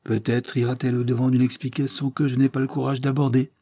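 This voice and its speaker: A man's voice: medium pitch, flat delivery, quick pace, dark tone, dry recording, lightly acted. A man reading an anguished, desperate young nobleman in an audiobook, his voice climbing in impassioned outbursts. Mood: troubled.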